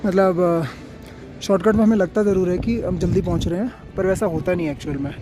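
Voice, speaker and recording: A man's voice: high voice, fairly quick, background noise. A man vlogging outdoors on a mountain trail, sick with a fever and worn out from climbing, chatting and giving friendly advice to viewers. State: unwell with a fever, tired from climbing. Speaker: travel vlogger. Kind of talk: casual travel vlog narration.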